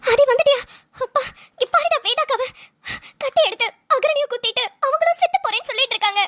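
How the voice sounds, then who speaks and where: A woman's voice: very high-pitched, expressive, quick pace, bright, forceful tone, dry recording, clean studio sound, exaggerated voice. A woman voicing an anxious young woman who pleads frantically in a cartoon. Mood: frantic. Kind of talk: dubbed cartoon voice acting.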